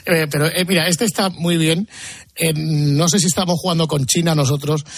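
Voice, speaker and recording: A man hosting a radio show, briskly introducing archive clips and guests. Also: a little high, steady tone, no echo, studio quality. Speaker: radio host.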